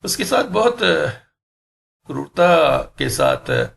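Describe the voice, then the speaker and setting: A man's voice: fairly high pitch, huge pitch swings, vocal fry, a bit bright, pitched above the performer's own voice, full character voice. A man playing a hesitant grave doctor. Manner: hesitant with filler pauses.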